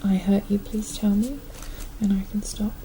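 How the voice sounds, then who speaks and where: A woman doing an ASMR role-play as a gentle, calm nurse, speaking in a soft, breathy half-soft voice with a reassuring manner. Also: medium pitch, normal speed, slight background noise, low-quality recording. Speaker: ASMR performer playing a nurse.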